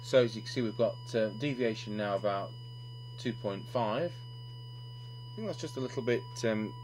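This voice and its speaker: On the low side and at a moderate pace, a man narrates an unscripted radio repair at his indoor workbench. He goes step by step with a touch of hesitation. Electrical hum leaves the recording clearly noisy.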